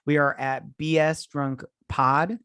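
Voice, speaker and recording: A man's voice: a little high, level tone, slow, pushed and bright, clear, resonant tone, no echo, clean studio sound. A man co-hosting a casual, comedic movie podcast, talking in a profane, exclamatory, tipsy way. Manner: profane, exclamatory, mock-outraged; drinking, tipsy. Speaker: podcast host.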